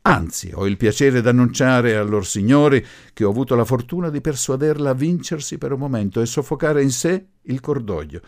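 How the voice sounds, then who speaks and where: A man voicing a forceful middle-aged professor who speaks loudly and imperiously. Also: medium pitch, animated, a little fast, hardly any pauses, voice pushed up, lightly acted. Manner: imperious, insistent, loud.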